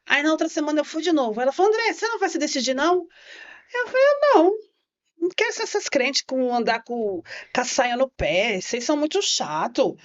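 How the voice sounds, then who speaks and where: A woman's voice: sits high, lively intonation, a little fast. A woman giving a personal testimony as a podcast guest, telling her story vividly and acting out the voices she quotes. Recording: slightly muffled podcast audio.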